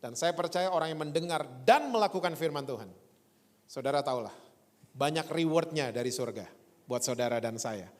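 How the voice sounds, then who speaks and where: A man preaching a sermon in a church, telling a lively story and acting out voices in his quotes. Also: on the high side, normal speed. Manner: animated storytelling with voiced quotes, speaks of his former stutter. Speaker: pastor. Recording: long church hall reverb.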